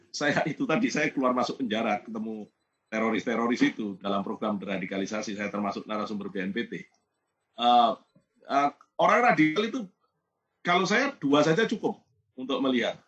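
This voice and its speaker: A man's voice: on the high side, fairly bright tone. A middle-aged man giving a conversational lecture to teachers, telling anecdotes with frequent fillers. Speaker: university lecturer. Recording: dull lo-fi recording.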